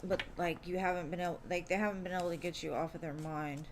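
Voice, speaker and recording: A woman's voice: fairly low pitch, fairly even intonation, fast talker, noisy background. A woman giving live tarot readings in a casual, chatty way, with many fillers, calling viewers "love". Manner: chatty, says "like" and "um" often, calls viewers "love". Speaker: tarot reader streamer.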